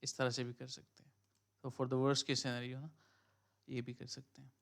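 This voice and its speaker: A man's voice: medium pitch, monotone, measured pace, gravelly. A man hosting a live stream, talking casually through trading charts and thinking aloud, often mixing in English phrases. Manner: casual, thinks aloud, many fillers and "ठीक है"; mixes Hindi-Urdu with English phrases. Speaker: crypto trading mentor.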